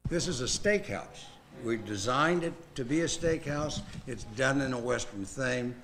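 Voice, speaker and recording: A man's voice: mid-range voice, lively intonation, a little slow, fairly bright tone. A man, a restaurant representative explaining the place in a plain, informative way. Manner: plain, informative, matter-of-fact. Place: outdoors at a ranch restaurant.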